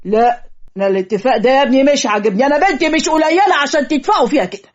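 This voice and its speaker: A woman's voice: sits high, rapid-fire, natural voice. A woman with an Egyptian accent voicing a proud, demanding older father of the bride in a cartoon story. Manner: haughty, bargaining. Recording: lo-fi muffled audio.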